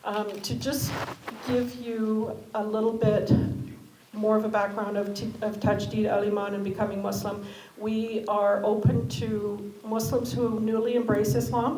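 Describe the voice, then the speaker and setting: A woman moderates a community panel in a roomy, echoing hall, her voice staying in a narrow, even band. She speaks hesitantly, pausing often on fillers, over steady background noise. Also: medium pitch. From Canada.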